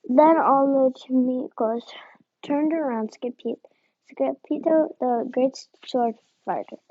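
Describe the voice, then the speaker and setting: A woman reading a picture book aloud, slowly sounding out the harder names. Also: high voice, dry recording, phone-quality sound. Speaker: storybook reader.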